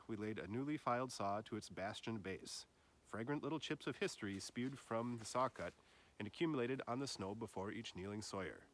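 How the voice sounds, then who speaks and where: A man with a medium-pitched voice reads a literary nature essay aloud in audiobook style. His phrasing is measured and deliberate, like a teacher reading to a class.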